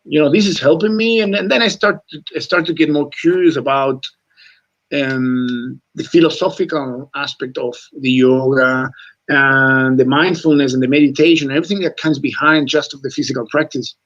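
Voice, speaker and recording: A Chilean man in his forties, a native Spanish speaker who isn't a first-language English speaker, talks earnestly as a rugby coach in a radio interview. His voice is medium-pitched and a bit bright, with fairly even intonation at a normal speed, though the audio is dull. He repeats words and often says "mate."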